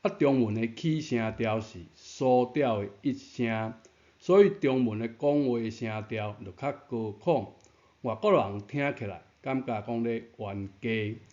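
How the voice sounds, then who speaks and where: A man's voice: mid-range voice, unhurried, mellow. A man giving a patient pronunciation lesson, repeating key points and asking rhetorical questions. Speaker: Taiwanese language teacher. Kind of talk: explanatory lesson narration. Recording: dull lo-fi sound.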